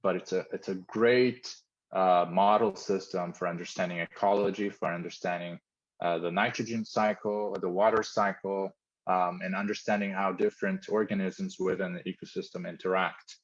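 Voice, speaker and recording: A man's voice: low-pitched, steady tone, moderate pace, dull audio. A man from Mozambique, a company founder, explaining his work thoughtfully over a video call, with many fillers. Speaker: company founder, interview guest.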